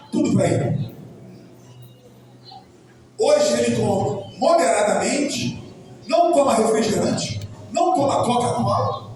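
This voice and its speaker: High-voiced Brazilian pastor in an echoey hall. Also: male voice, darkish tone. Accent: Brazilian Portuguese. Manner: chatty, repetitive, keeps addressing the congregation directly. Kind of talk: informal sermon. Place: church hall. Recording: echoey hall, distant mic, noisy.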